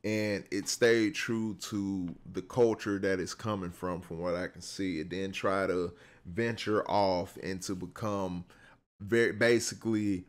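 A man with a Southern US accent talks loosely to his audience, reacting to a film. His voice sits a bit low, and he keeps circling back with fillers, restarts and asides to the viewers. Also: fairly even intonation, measured pace. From Southern United States. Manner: chatty, addresses viewers as y'all, many fillers and restarts. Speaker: movie reaction streamer. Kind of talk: casual reaction commentary.

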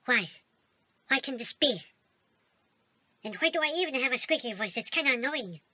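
A woman doing a squeaky confused puppet boy. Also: expressive, normal speed, pushed and bright, no echo, exaggerated voice. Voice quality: squeaky high voice. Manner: bewildered, exclaiming to himself. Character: confused squeaky-voiced male puppet hero. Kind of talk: homemade puppet comedy. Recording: noisy home recording.

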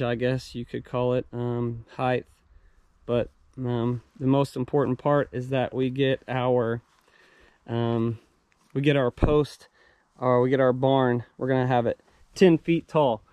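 A man's voice: mid-range voice, a little mellow, clear, resonant tone, dry recording. A young man filming a casual vlog outdoors on a ranch, explaining a construction job step by step with many ums and restarts. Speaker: rancher and vlogger. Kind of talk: casual on-site vlog narration. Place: outdoors on a ranch building site. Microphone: handheld action camera at arm's length.

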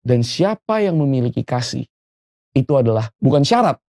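A man's voice: medium pitch, sing-song, normal speed, creaky, warm tone. A pastor, explaining his beliefs earnestly in a casual podcast discussion.

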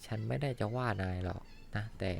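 A man's voice: fairly low pitch, a little fast, gravelly, a little mellow. A man voicing a harsh middle-aged male boss in a fan-dubbed cartoon, talking in a scornful, insulting way. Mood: scolding. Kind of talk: Thai fan dub of an animated series.

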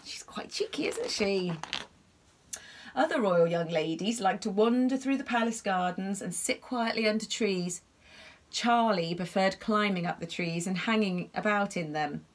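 A woman reads a bedtime story to young children in an expressive, animated way. She gasps at the exciting parts and keeps stopping to ask little listeners what they can see in the pictures. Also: mid-range voice, normal speed. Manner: expressive, gasping, asks the listener questions about the pictures.

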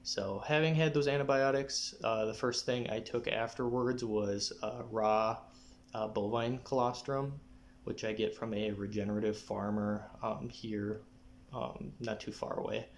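A young adult man talking casually to camera in a personal update, often clearing his throat. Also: lowish voice, fairly even intonation, measured pace, a little hiss or hum. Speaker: vlogger giving a personal health update. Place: small living room, indoors. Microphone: phone or camera at arm's length.

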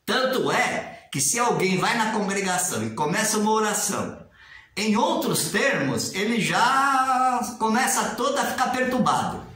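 Heavy reverb from a small tiled room colors the casual video commentary of this man in his sixties, a religious commentator with a Brazilian Portuguese accent talking to a webcam at desk distance. His high, sharp, sing-song voice moves at a normal speed, and he sometimes lifts it to imitate formal prayers.

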